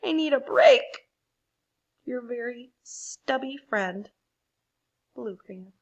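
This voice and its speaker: A woman voicing a weary, stubby little crayon in a picture book, plaintive and drawn-out. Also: on the high side, expressive, heavily acted, rough recording. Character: weary, short stubby blue crayon needing a break. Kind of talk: picture book read aloud.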